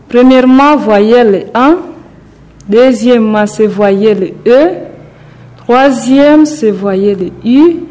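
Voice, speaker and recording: A radio teacher giving a primary-school grammar lesson, repeating each point slowly. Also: mid-range voice, dark tone, poor audio.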